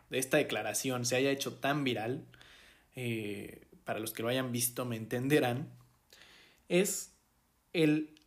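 A Mexican man with a mid-range voice, hosting a solo podcast and commenting on the week's news. He talks slowly and unhurriedly, pausing on fillers and restarting his phrases as he thinks aloud. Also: mid-range voice, fairly bright tone. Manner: slow, hesitant, many fillers and restarts. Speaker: podcast host.

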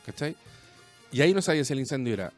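A Chilean man telling a friend a story in a casual chat, full of slang, restarts and halting bursts. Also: medium pitch, very animated, faint music behind. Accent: Chilean Spanish.

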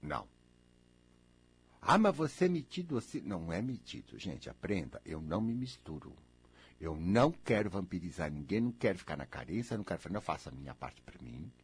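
A man giving self-help advice in a lively, conversational way, acting out little imagined exchanges. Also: sits low, breathy edge. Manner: animated, acts out imagined people in quick asides.

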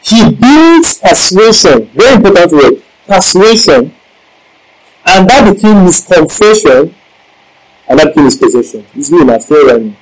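Emphatic male preacher, lively pitch. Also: a little slow, poor audio. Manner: emphatic, repeats lines, asks the congregation questions. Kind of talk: sermon with Bible teaching.

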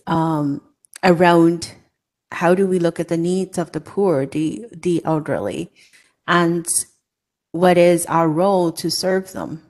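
Woman, from Hong Kong, low pitch, earnest, conversational co-author. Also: a little mellow. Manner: earnest, personal storytelling with fillers. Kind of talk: casual conversation.

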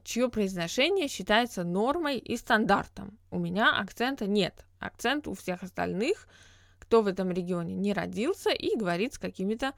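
A podcast host delivers a solo monologue, working through ideas in an explanatory, reflective way with frequent hesitation sounds. Her medium-pitched voice is recorded with clean studio sound and no echo.

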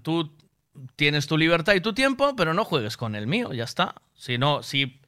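A man's voice: fairly high pitch, very animated, moderate pace, pushed and bright, smooth. A man co-hosting a casual radio chat, blunt and crude, pressing his points with repeated questions. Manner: blunt, crude, emphatic, keeps adding "¿sabes?".

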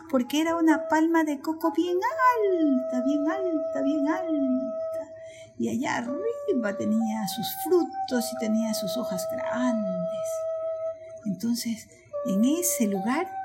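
A woman telling a children's story, expressive and speaking straight to her young listeners. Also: high voice. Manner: expressive, addresses listeners directly.

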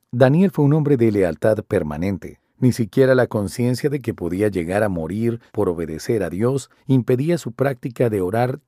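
A man hosting a devotional, speaking in a calm, earnest preaching tone in scripted narration. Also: fairly low pitch, no echo, clean studio sound. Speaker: devotional host. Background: soft guitar music.

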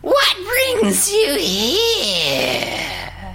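A game master voicing a cloaked, tailed female creature with a booming, larger-than-life voice, speaking slowly and imposingly. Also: huge pitch swings, pushed and bright, slight background noise, full character voice. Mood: demanding.

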